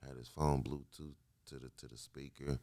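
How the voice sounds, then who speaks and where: A man in his late thirties from Kansas City, a musician guest telling stories in a slangy, animated way. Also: very deep voice, normal speed, no echo. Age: 30s. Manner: slangy, repetitive, animated storytelling. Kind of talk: casual interview chat.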